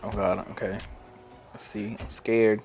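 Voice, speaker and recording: A man's voice: on the low side, measured pace, creaky, a little hiss or hum. A man giving casual commentary on his own fighting game matches, trash-talking with swearing, then fretting nervously when he falls behind. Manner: excitable trash talk with swearing and taunts; nervous self-talk and sighs when losing.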